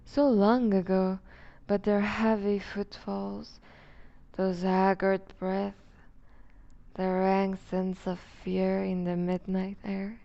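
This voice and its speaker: A centuries-old vampire duchess, played by a woman, purrs slowly in a creaky, breathy voice. She is refined and predatory, condescending and teasing in formal, theatrical phrasing. It is an intimate ASMR roleplay with slightly muffled sound. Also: mid-range voice, level tone, dark tone. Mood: hungry, menacing.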